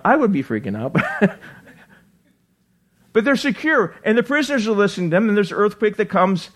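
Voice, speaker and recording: A male pastor preaching with a slightly high voice. He talks quickly and with excitement, asking one rhetorical question after another. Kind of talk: sermon.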